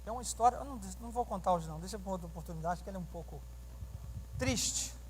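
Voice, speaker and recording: Pastor preaching in an echoing church. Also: male voice, high voice, fast, a little hiss or hum. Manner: animated storytelling, acting out dialogue and questioning the congregation. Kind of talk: sermon. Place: church sanctuary during a service. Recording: reverberant church hall sound.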